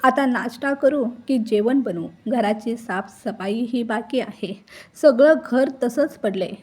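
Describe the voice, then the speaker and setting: A sharp-tongued middle-aged mother-in-law, as a woman storyteller puts her on, scolding in a slightly high, breathy, mellow voice. Her taunts come quick and cutting.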